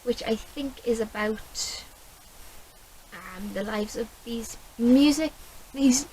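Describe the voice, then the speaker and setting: A woman's voice: on the high side, takes it slowly, dark tone, slight background noise, rough recording. A woman with a Geordie accent chatting casually to camera about books, rambling and correcting herself as she goes. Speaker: book vlogger.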